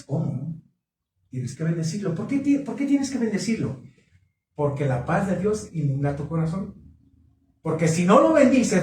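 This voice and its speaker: A man preaching at a marriage conference, questioning the congregation in an animated way. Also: sits high, slight background noise. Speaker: pastor. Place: church hall. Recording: echoey hall, mic from a distance.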